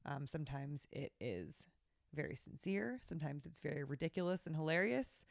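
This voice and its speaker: A woman's voice: low-pitched, moderate pace, gravelly, no echo. Laid-back woman podcast host, close dry mic. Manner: laughs often, relaxed and affectionate. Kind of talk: casual chat.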